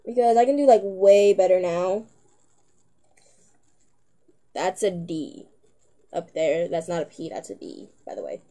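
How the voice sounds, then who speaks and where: A woman's voice: fairly low pitch, lively intonation, normal speed, mellow. A young teenage girl vlogging in a casual, rambling way, giggling and filling gaps with lots of "um"s. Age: young teen. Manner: rambling, giggly, with many filler words. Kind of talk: casual chat to camera.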